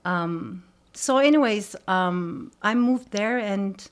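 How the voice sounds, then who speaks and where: A woman's voice: medium pitch, lively intonation, takes it slowly, smooth. A woman from Turkey, a guest artist in a casual interview, speaking hesitantly with many ums and uhs. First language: Turkish.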